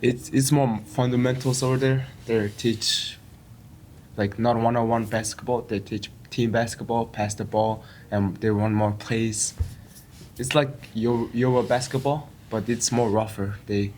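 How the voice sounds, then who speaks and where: A man's voice: medium pitch, level tone, a little slow, darkish tone. Young guy who plays ball, polite and simple, mid voice, bit of hiss. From Mongolia. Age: young adult. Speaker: student basketball player. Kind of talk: casual interview.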